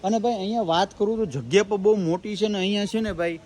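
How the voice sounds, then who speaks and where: A man's voice: sits high, fast, darkish tone. A man, hosting a casual family vlog outdoors, chatty and joking as he talks to the viewers as family. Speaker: vlogger host. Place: outdoors at a temple and village homes.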